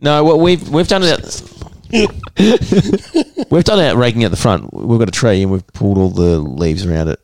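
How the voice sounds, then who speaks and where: A man's voice: on the low side, lively intonation, normal speed, a little mellow. A man with an Australian accent co-hosting a podcast in casual, slangy banter, often joking. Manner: joking, slangy Aussie bloke. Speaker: podcast co-host.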